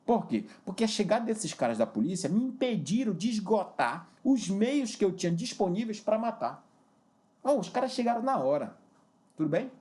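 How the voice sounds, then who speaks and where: A man teaching a recorded law lesson, lively and engaging, stretching key terms slowly and constantly checking in with the viewer. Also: high-pitched.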